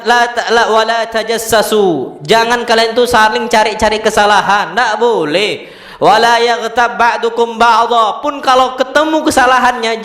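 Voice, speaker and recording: A man with an Indonesian accent giving a casual religious lecture, telling animated stories and mixing in Arabic terms. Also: very high-pitched. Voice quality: animated storytelling, mixes Arabic terms, laughs often. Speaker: Islamic preacher. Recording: echoey hall.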